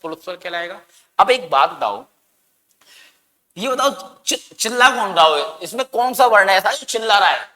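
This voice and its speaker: A man's voice: sits high, lively intonation, normal speed, sharp tone. A man teaching an exam-prep grammar lesson, asking his students questions and answering them himself, dramatically stretching words for emphasis. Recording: long echoing reverb.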